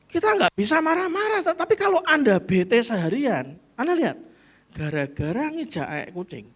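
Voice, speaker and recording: A man's voice: extremely high pitch, big pitch swings, normal speed, a bit bright. A man with a Central Javanese accent preaching a sermon to a congregation, asking them questions and slipping into mock-angry outbursts. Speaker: pastor. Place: church.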